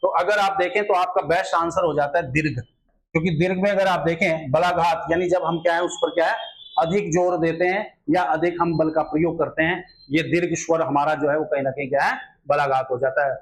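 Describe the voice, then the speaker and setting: A man with a fairly high voice talks through a grammar lesson aimed at exam preparation. He explains every answer step by step, keeps circling back with rhetorical questions and repeats his key points. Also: steady tone, fairly quick, rough recording. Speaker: teacher.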